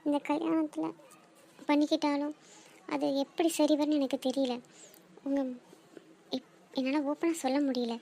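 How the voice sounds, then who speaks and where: A woman's voice: high voice, level tone, moderate pace, vocal fry, pauses often, mellow. A young woman acting an exasperated, stubborn bride-to-be who argues back in an audio drama. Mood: pleading. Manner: exasperated, argumentative.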